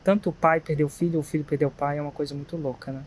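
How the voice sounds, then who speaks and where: A man's voice: on the high side, steady tone, racing, a little hiss or hum. A man with a Brazilian Portuguese accent hosting a live stream, talking casually and sincerely, wandering between stories. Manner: chatty, digressive, sincere. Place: guesthouse, quiet spot.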